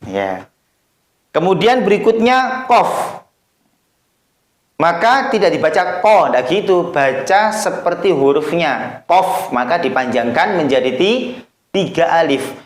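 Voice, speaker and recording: A man teaches a Quran reading lesson, speaking slowly and deliberately. His pitch sits a little high and swings widely as he stretches letters into long chanted examples. The room around him is echoey. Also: big pitch swings. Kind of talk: recorded recitation lesson.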